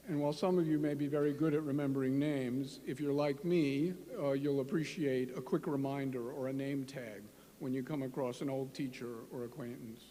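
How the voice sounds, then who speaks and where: A man giving a formal commencement address with a measured, list-like delivery. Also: fairly high pitch, warm tone, long reverb tail, slight background noise. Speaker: ceremony speaker.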